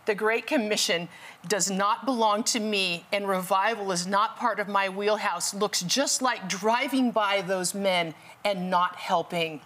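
Woman guest telling her testimony, gets fired up and preachy, mid-pitch voice. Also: unhurried, fairly bright tone. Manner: impassioned, preachy. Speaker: guest speaker. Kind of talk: testimony storytelling.

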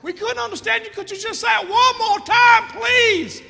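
Two dim southern fishing brothers, as a man puts them on, hollering in a high, strained, drawling voice. The voice rings out in a long-echoing hall over soft guitar. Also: moderate pace, vocal fry, exaggerated voice. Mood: pleading. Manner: high, shouting, drawled hick voice. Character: loud simple-minded southern fishing brothers.

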